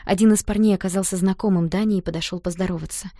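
A woman reading a first-person romance novel aloud in an expressive, intimate way. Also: lowish voice, fast talker, dry recording, clean studio sound. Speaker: audiobook narrator.

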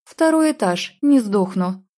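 A woman's voice: mid-range voice, lively intonation, measured pace, warm tone. A woman reading a jealous drunk young man. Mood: bitter. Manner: harsh, accusing outbursts.

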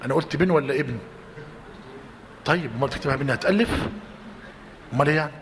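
A man's voice: fairly high pitch, racing, a bit bright. Egyptian man teaching in a roomy hall. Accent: Egyptian Arabic. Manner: repeats points and quizzes students. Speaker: teacher of a fiqh class. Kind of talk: classroom teaching. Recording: roomy reverberant hall, faint noise.

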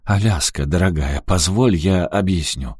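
A man's voice: sits low, unhurried, darkish tone, slightly rough, no room sound, clean studio sound. A man voicing a weak-willed middle-aged father who pleads and makes excuses. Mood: pleading. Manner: pleading, placating.

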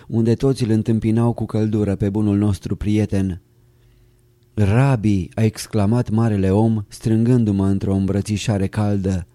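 A male audiobook narrator reads a first-person memoir in a calm, measured way. His voice sits low and sounds very dark and mellow. The recording is dry and close. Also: no room sound.

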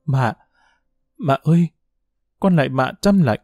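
A man's voice: medium pitch, animated, a little slow, darkish tone, no room sound, studio quality, faint music behind. A man voicing a frightened young woman who begs and pleads tearfully. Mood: pleading. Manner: pleading, begging.

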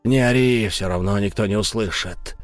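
A man voicing a harsh, threatening stranger who speaks low and hushed. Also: normal speed, no echo, faint music behind, natural voice. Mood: menacing hush. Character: menacing hidden male stranger, cold and harsh.

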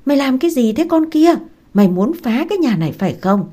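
Woman doing a scornful yelling sister-in-law. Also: sits low, lively intonation, quick pace.

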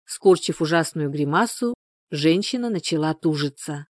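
A woman narrating a story as an audiobook, in an even, measured way. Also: low voice, no room sound, clean studio sound.

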